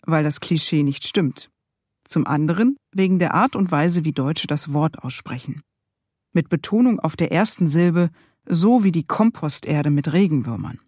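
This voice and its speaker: A mid-pitched narrator reads their own memoir with a deadpan, wry wit. The sound is close and completely dry, as if captured in a small recording booth. The delivery is steady first-person storytelling. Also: no room sound. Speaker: author reading own memoir.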